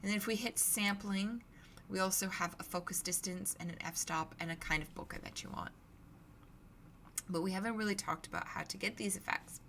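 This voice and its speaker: A woman instructor giving a recorded lecture, explaining in a relaxed, conversational way, her voice scratchy and hoarse. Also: mid-range voice, moderate pace. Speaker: university instructor.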